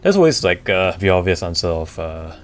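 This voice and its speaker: A man chatting casually on a live stream, answering questions in a halting way as he searches for the right words. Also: sits low, sing-song. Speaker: streamer, VTuber. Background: background music.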